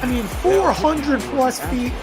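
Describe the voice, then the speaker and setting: A woman's voice: sits high, sing-song, slow, over music. A woman doing emphatic, conversational play-by-play baseball commentary on a live stream.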